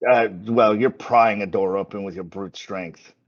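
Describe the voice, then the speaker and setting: A man's voice: fairly low pitch, unhurried, muffled recording. A man running a tabletop game as game master, narrating off the cuff and often repeating words as he explains.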